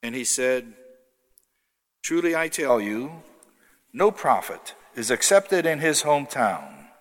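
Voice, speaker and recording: A man giving the gospel reading at Mass in a formal, measured way, his voice carrying a long church reverb. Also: mid-range voice, sing-song. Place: large church. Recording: long echo of a large church.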